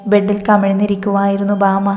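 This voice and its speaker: Calm woman narrating a story. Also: medium pitch, fairly quick. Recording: reverberant with background music.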